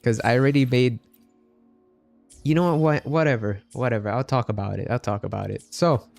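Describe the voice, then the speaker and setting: A man from the Philippines chats casually with his viewers during a game livestream, game music running underneath. He has a mid-range, creaky, darkish voice and speaks briskly.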